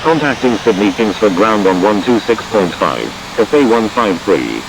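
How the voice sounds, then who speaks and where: A man's voice: lowish voice, sing-song, normal speed. A man speaking as a pilot in simulated air traffic radio, with formulaic, clipped readbacks. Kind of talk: aviation radio phraseology in a flight simulator.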